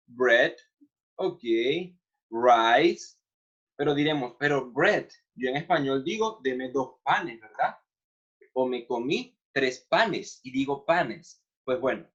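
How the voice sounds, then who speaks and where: A husky, somewhat high-pitched male teacher who explains grammar in Spanish and then reads the English examples slowly and carefully. The recording sounds dull and lo-fi. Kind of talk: recorded online lesson.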